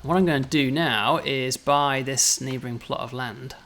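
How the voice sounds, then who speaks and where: A man's voice: mid-range voice, moderate pace, fairly bright tone. A man developing a game, casually walking through new features and often tagging "right?" onto his points. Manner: chatty, explaining, tags questions with "right?". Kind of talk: casual gameplay walkthrough.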